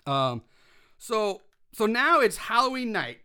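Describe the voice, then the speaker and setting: A man's voice: high voice, big pitch swings, slow pace, pushed and bright, clear, resonant tone. A man co-hosting a casual podcast, recapping a movie scene by scene, chatty and swearing, with frequent laughs.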